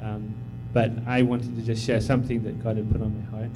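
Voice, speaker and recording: In a church sanctuary, a man in his thirties who grew up in Tanzania preaches informally and humbly as a visiting missionary, encouraging his listeners and using many fillers. His lowish voice is flat and a little fast, with a noisy background.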